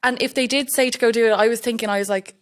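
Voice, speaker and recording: A woman's voice: on the high side, steady tone, fast talker. Chatty young woman from Estonia. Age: young adult. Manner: chatty, acts out quoted remarks. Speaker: guest, electrical apprentice. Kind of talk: casual interview chat.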